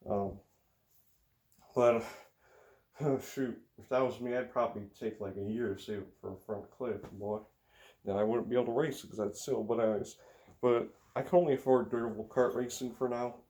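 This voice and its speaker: With a steady, mellow, mid-range voice at a moderate pace, a teenage American racing vlogger speaks in an Upper Midwest accent. His casual monologue rambles, halting often with fillers and sighs.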